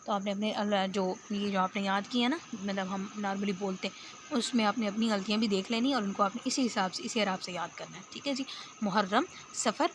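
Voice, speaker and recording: A woman teacher giving a spoken lesson, patient, explaining step by step and repeating words slowly. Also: medium pitch, a little hiss or hum. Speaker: Arabic teacher. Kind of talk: spoken lecture.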